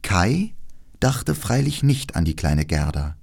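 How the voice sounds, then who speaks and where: A man narrates a fairy tale in a fairly low voice. His delivery is measured and expressive, and his pitch rises and falls widely. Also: gravelly, husky. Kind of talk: audiobook fairy-tale reading.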